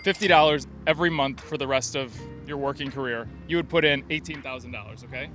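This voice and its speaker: A man in his thirties hosting a street interview outdoors on a city street, asking quick questions and running through numbers in an upbeat way. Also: mid-range voice, fairly bright tone, soft background music. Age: 30s.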